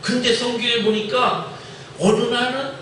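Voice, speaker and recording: A male pastor preaching a sermon in a lively storytelling way, recorded in a church. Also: extremely high pitch, unhurried, slight background noise. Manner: colloquial, animated storytelling. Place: church sanctuary. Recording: echoey church hall from far off.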